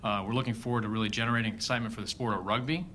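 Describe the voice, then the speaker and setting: A man with a Chicago accent talks quickly in a low but bright, forceful voice. He gives a prepared sponsor's speech at a press launch, upbeat and brisk. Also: steady tone, a little hiss or hum. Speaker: corporate sponsor executive.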